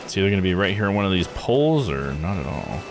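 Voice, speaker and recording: In a noisy recording with video game music beneath him, a man streams a laid-back let's-play, reading the game's text aloud and voicing his thoughts. His voice sits low, swings widely in pitch, and moves at a quick pace.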